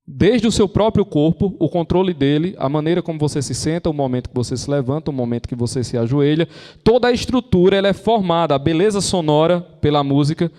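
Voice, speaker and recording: The lecture, on intellectual and moral formation, comes from a man with a Brazilian Portuguese accent who tells stories in a conversational way and performs the quotes. His voice is a little high and dark-toned, expressive and quick. Long hall reverb colors the recording.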